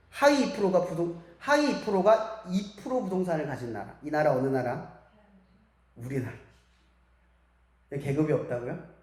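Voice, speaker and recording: Young woman preacher, lively sermon with lots of questions to the room, heavy church-hall echo. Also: mid-range voice. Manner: animated, asks the audience many rhetorical questions. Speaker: preacher at a school church service.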